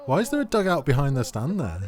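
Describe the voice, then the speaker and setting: A man co-hosting a casual watch-along chat, relaxed and chuckling as he talks. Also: a little high, quick pace. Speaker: podcast co-host.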